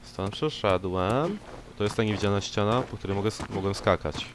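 A young man giving casual, joking commentary while he plays a game, talking to its characters and breaking into loud excited yelps. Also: on the low side, moderate pace. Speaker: gameplay commentator. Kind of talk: casual let's-play commentary. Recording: old mic with clear background noise.

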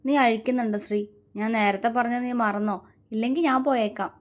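A woman's voice: a little high, fairly even intonation, quick pace, close to an everyday voice. A woman voicing a playful young husband who teases his wife with mock sternness. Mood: teasing. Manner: teasing, mock-stern, demanding.

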